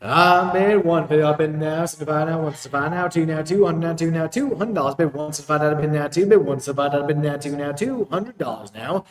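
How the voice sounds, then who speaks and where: A man's voice: on the high side, quick pace, few pauses. A man working as an auctioneer, calling bids in a repetitive, rhythmic auction chant. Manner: repetitive rhythmic bid calling between plainly announced lots. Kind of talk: rapid auctioneer chant with repeated bid calls. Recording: roomy echo, distant from the mic.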